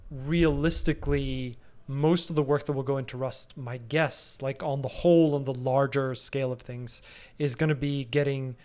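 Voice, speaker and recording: A man's voice: medium pitch, steady tone, moderate pace, a little mellow. Man thinking aloud in a live Q&A. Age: 30s. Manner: thinking aloud with many fillers and restarts. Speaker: streamer answering viewer questions. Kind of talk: casual live Q&A.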